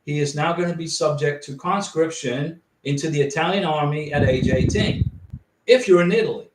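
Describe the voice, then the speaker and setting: Fairly high-voiced man answering live questions. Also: normal speed. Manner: reads viewer questions aloud then answers directly. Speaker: livestream host answering visa questions. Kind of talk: casual livestream Q&A. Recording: roomy, distant and noisy.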